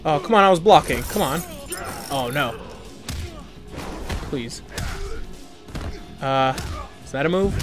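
A young male let's play gamer with a fairly high, slightly bright voice offers casual gameplay commentary. He's reactive, groaning at losses and muttering at setbacks. Game music and sound effects run underneath.

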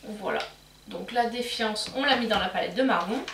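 A woman's voice: mid-range voice, moderate pace, background noise. A woman chatting casually through a makeup haul, self-mocking and full of fillers, recorded in a roomy space a little away from the mic. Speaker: beauty vlogger. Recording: roomy, somewhat distant mic.

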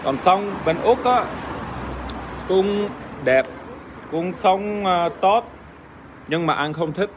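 An Australian man, native English speaker, joking crudely with fans in casual livestream chat, halting with fillers and swearing playfully. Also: sits high, lively intonation, noisy background. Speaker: livestream host. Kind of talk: casual livestream chat reading fan comments.

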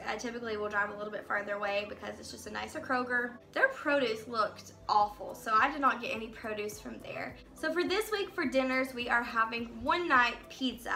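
Talking directly to the camera in her kitchen at home, a young woman who is a mother and family vlogger rambles a bit through a casual grocery haul. Her voice is a little high, bright and forceful.

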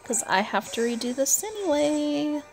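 A woman with a high, darkish voice, big pitch swings and vocal fry speaks at normal speed, giving casual gameplay commentary as player and channel host. Recorded indoors as voice-over with game music behind, she often talks to herself and to the game's characters.

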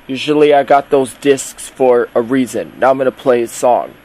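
A man's voice: medium pitch, moderate pace, dark tone. A man rambling through a casual pretend-play narration, describing each step aloud as he goes. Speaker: video creator.

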